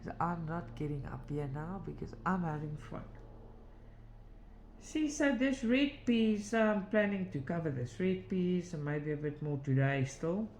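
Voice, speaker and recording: A woman's voice: on the low side, a little slow, darkish tone. A woman hosting a cross-stitch channel from her home, chatting casually while she stitches, rambling through asides and laughing often. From South Africa. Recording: roomy echo, faint background noise.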